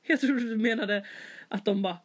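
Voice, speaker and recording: A young woman telling an everyday story in casual chat, acting out the people she talked to. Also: on the high side. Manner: animated retelling, acts out quoted exchanges.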